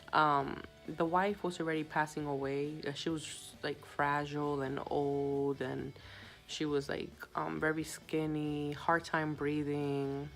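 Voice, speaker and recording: A young woman with a low-pitched voice tells a sad work story in a casual vlog. She talks in a subdued way, with lots of fillers, into her phone. Faint music plays behind her. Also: low-quality recording. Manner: chatty, filler-heavy, subdued. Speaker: hospital patient sitter.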